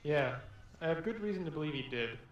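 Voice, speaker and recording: A man acting as a young investigator in a game, earnest and polite. His voice is on the high side and lively, talking fast in a very echoey space. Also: highs cut off, close to an everyday voice. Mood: curious, friendly. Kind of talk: adventure game dialogue.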